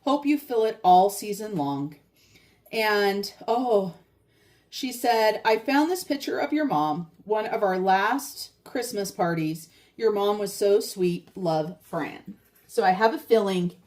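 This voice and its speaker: A woman's voice: mid-range voice, expressive, slow, darkish tone. An older woman chatting casually as a vlogger, heartfelt and talking straight to her viewers. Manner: chatty and heartfelt, addresses viewers as you guys. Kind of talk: casual chat.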